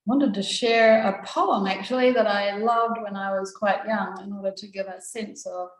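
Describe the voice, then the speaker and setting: A woman's voice: mid-range voice, fairly even intonation, moderate pace, slight background noise. Enthusiastic New woman poet, echoey. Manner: warm, enthusiastic, reflective. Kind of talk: panel introduction and poetry recital. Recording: roomy echo.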